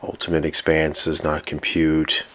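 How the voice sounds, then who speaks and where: A man voicing a single-minded male combat robot in a flat, mechanical monotone. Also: very deep voice, unhurried. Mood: menacing.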